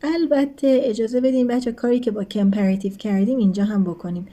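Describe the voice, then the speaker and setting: A woman teacher explaining English grammar in a recorded lesson, speaking quickly in her explanations and slowing right down for English examples, often checking in with her students. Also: a little high, fairly even intonation, warm tone. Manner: switches between quick explanations and slow, deliberate English examples; addresses students as kids, asks rhetorical checks.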